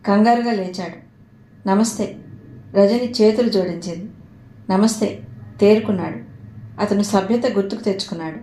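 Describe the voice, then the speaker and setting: A woman reads a novel aloud as an audiobook narrator, giving each character's lines a slight voice of their own. Her tone is mellow and soft-edged, and the recording carries a noticeable room echo. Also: mid-range voice.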